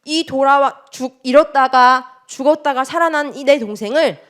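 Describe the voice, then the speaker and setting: A woman voicing a gentle forgiving father. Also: sits high, normal speed, voice pushed up. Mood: pleading. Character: loving forgiving father of two sons.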